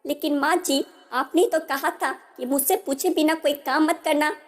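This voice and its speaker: A woman's voice: sits high, steady tone, moderate pace, lightly acted. A woman voicing a polite, dutiful young newlywed daughter-in-law in a storybook tale. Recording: long hall reverb.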